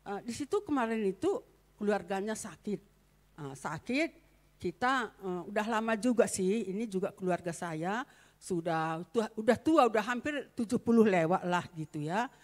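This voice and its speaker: A woman preaching a sermon and telling a personal testimony, shifting from quiet asides to loud, animated exclamations. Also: mid-range voice. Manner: animated storytelling, swings from soft to loud exclamations. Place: church hall. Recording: long church-hall reverb.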